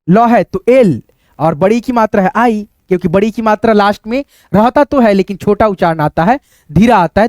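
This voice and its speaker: A man's voice: sits high, darkish tone, no room sound, clean studio sound. A male teacher giving a patient, step-by-step spelling lesson, checking in often with his students as he writes and explains. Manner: patient, repeats "ok" and "friends" as he goes; thinks aloud while writing on a board or screen. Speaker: English teacher.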